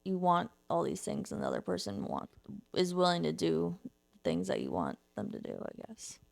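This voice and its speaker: A woman's voice: lowish voice, sing-song, normal speed, gravelly, dry recording. A young woman chatting casually as a guest, frank and easily annoyed, swearing now and then. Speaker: podcast guest. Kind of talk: casual chat.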